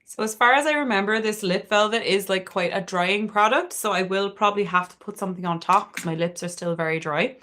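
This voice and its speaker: This young beauty livestreamer from Cork, Ireland, talks a little fast with hardly any pauses, her mid-range voice bright and forceful. She applies makeup on stream while chatting candidly and swearing freely in a Cork Irish accent.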